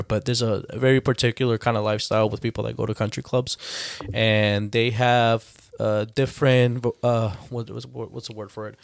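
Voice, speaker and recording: A man's voice: mid-range voice, dry recording, clean studio sound. A man whose first language is Spanish, hosting a podcast in a casual, easygoing chat and now and then dropping in Spanish phrases. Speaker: podcast host.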